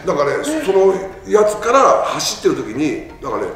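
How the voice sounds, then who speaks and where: A man, a retired ballplayer appearing as a guest, telling animated anecdotes in casual chat, acting out other people's lines and laughing often. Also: sits high, normal speed. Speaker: guest, retired baseball player. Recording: very echoey room, voice a bit far from mic.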